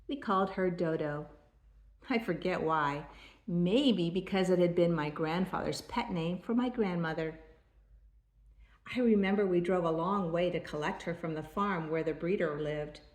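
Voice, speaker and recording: An older woman with a grandma voice, reading a children's storybook aloud in a measured storytelling way. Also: fairly low pitch, echoey room.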